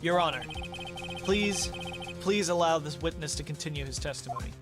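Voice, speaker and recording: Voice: medium pitch, moderate pace, lightly acted. A player doing an earnest young defense lawyer. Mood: insistent. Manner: earnest, insistent. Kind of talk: live fan voicing of a game. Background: game music.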